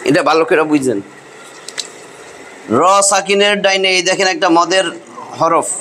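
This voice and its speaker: A man's voice: sits high, moderate pace, bright, forceful tone, a little hiss or hum. A man teaching a Quran recitation class, patiently repeating each rule with drilled examples. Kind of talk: classroom tajweed lesson.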